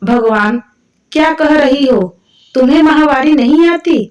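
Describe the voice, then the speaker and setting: A woman's voice: high-pitched, unhurried, darkish tone, recorded from a distance, lo-fi sound. A woman doing a stern traditional mother-in-law. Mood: shocked. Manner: scolding, insistent. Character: strict traditional middle-aged mother-in-law.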